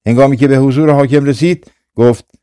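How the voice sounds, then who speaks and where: Male audiobook narrator, mellow tone, dry close-mic studio sound, calm measured folktale reading. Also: medium pitch, clear, resonant tone, no room sound. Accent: Persian. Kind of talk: scripted storytelling narration.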